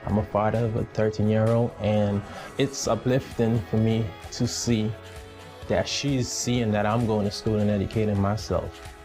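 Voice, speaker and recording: A man from Trinidad and Tobago gives an earnest, measured personal testimonial. His voice is warm and mellow and stays flat in pitch, with soft music playing underneath. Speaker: student interviewed in a profile.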